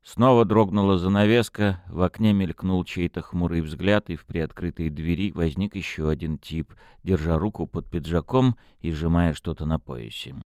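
A man narrating an audiobook in an expressive storytelling manner. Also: low-pitched, normal speed, hardly any pauses, dry recording, studio quality.

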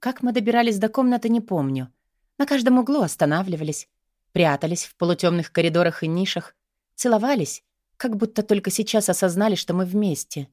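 A woman reading a first-person romance novel aloud in a measured, expressive voice. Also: medium pitch, dry recording, clean studio sound. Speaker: audiobook narrator.

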